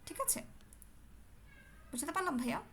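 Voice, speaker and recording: A woman's voice: very high-pitched, big pitch swings, normal speed, vocal fry, pushed and bright, a little hiss or hum. A woman teaching an English speaking test over a video call, explaining patiently and often checking that her students follow. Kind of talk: online teaching session.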